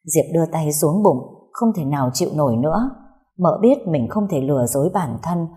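Brief: woman narrator for an audio novel, low pitch, dark and mellow, steady and emotive. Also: moderate pace. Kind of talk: storybook narration.

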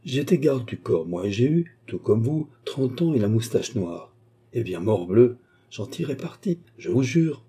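A man's voice: mid-range voice, expressive, normal speed, mellow, breathy edge. A man voicing a jovial, effusive old nobleman who loves hunting, in a storybook reading. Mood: hearty. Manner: hearty and effusive. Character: jovial old male country nobleman and hunter.

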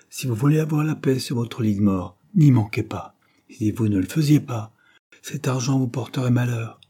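A man's voice: medium pitch, mellow, slightly rough, voice pushed up, close to an everyday voice. A man voicing a dying old man who gives solemn, urgent orders from his deathbed, in an audiobook reading.

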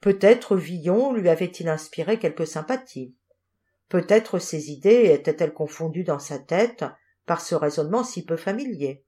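Woman reading a classic tale, low voice. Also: animated, normal speed, dark tone. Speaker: audiobook reader. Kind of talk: literary audiobook narration.

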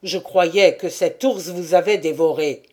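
A woman reading the part of a calm, middle-aged male engineer who speaks in a measured, quietly amused way. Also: lowish voice, breathy edge. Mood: relieved.

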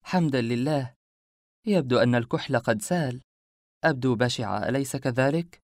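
A man's voice: medium pitch, fairly quick, darkish tone, no echo, clean studio sound, close to an everyday voice. A man reading an audiobook, voicing a charming, playful young woman in a lighter, lifted voice. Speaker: life coach character.

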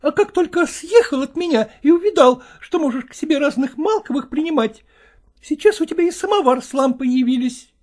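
A woman voicing a sharp-tongued middle-aged wife who scolds her estranged husband in a shrill, needling way. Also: lively intonation, fairly quick. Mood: scolding.

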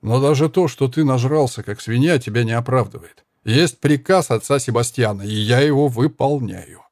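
A man's voice: medium pitch, moderate pace, a little mellow, no echo, studio quality, close to an everyday voice. A man voicing a small, stern young Spanish guard who speaks in firm, clipped commands.

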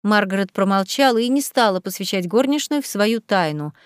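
A woman reading a novel aloud as an audiobook narrator, in a measured storytelling manner. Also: medium pitch, expressive, clean tone, no echo, studio quality. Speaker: audiobook reader. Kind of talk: scripted narration.

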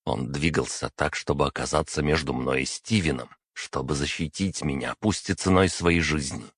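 A man reading a first-person fantasy audiobook in a measured, steady storytelling manner. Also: very deep voice, breathy edge, no room sound, clean studio sound. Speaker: audiobook narrator.

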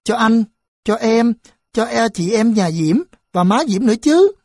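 Audiobook: earnest teenage boy, high and lively, a woman reading him. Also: unhurried, no echo, clean studio sound. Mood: animated. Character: earnest teenage boy, tearful then cheerful.

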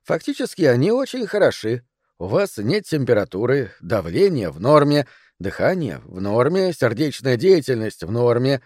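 A calm, patient doctor, as a male narrator voices him, explaining things in a measured and reassuring way. His middle-pitched voice is recorded close and dry, as in an audiobook. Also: dry recording.

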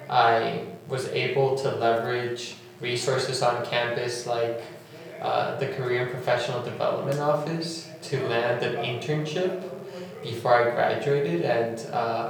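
Slow, even-toned young man in an echoey room. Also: medium pitch. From Nicaragua and Honduras. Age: young adult. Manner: earnest, many uh fillers. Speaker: university staff member and alumnus. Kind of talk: oral history interview. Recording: echoey room with faint hum.

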